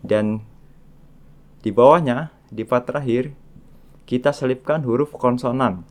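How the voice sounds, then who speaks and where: Male tutor, unhurried drill-style delivery, mid-pitched voice, patient and deliberate. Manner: slow and deliberate, repeating each sound in drills. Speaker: Korean language teacher. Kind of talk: slow, patient lesson narration.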